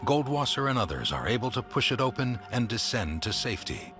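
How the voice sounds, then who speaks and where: A man reads documentary narration with a grave, measured delivery. His mid-pitched voice moves a good deal from phrase to phrase. Music plays clearly underneath him. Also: very animated.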